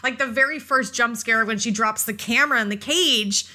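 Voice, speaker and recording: Woman podcast co-host, fairly high bright voice, animated, self-deprecating chat. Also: moderate pace.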